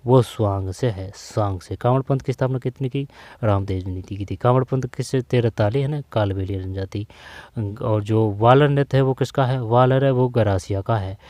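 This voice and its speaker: A man's voice: medium pitch, moderate pace, dark tone, no room sound. A man teaching exam general knowledge in a casual lesson, repeating key answers and checking in often. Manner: repeats key answers, frequent "theek hai" check-ins. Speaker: exam-prep tutor.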